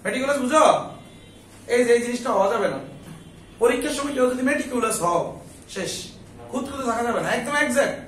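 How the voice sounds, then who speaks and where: A man's voice: very high-pitched, lively intonation, fast talker, long pauses, a bit bright, echoey room, far from the mic, slight background noise, poor audio. A man tutoring a live English class, coaxing his students and repeating his questions back to them.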